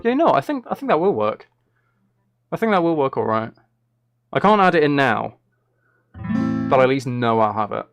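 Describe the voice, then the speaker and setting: In a sing-song, mid-range voice at a moderate pace, broken by long pauses, a British man rambles to himself while producing music on a livestream. His streaming microphone is placed close.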